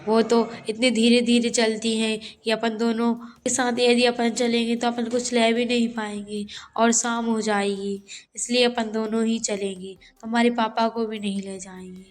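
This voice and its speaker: A woman's voice: fairly high pitch, little pitch movement, lightly acted. Woman playing a snappish lazy daughter-in-law. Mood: bossy. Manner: snappish, fast and scolding. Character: lazy, sharp-tongued young daughter-in-law.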